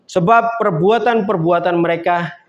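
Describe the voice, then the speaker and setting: A man's voice: high voice, normal speed. A man preaching a sermon in a casual, conversational way, building up to emphatic points. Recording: dull lo-fi sound.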